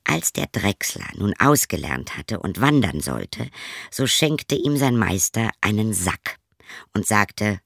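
A man reading a fairy tale aloud with expressive, vivid storytelling. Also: lowish voice, takes it slowly, gravelly, no room sound, clean studio sound. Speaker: narrator.

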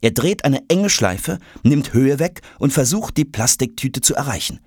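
A man narrating a children's audiobook in an expressive, dramatic way. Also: medium pitch, moderate pace, husky, no echo, studio quality. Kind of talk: scripted storybook narration.

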